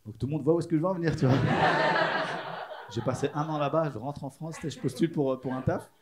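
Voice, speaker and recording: A man's voice: on the high side, quick pace, background noise. A man doing a casual, chatty stand-up routine in a comedy club. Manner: casual, chatty, lots of "tu sais". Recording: live club audience laughter.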